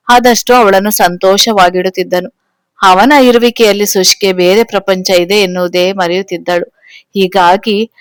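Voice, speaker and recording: A woman's voice: medium pitch, no room sound. Dry-voiced woman narrating a story. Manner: reads all characters' lines in her own voice.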